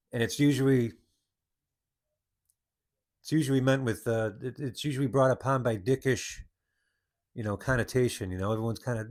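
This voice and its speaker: Rambling man telling a story. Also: mid-range voice. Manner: rambling storytelling with frequent restarts. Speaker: podcast host. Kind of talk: casual monologue.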